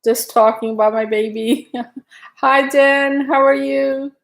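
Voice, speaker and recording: Slow-talking woman hosting a livestream. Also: high voice, fairly even intonation, gravelly, low-quality recording. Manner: greets viewers by name, talks haltingly with restarts. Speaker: livestream host. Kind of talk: casual livestream chat.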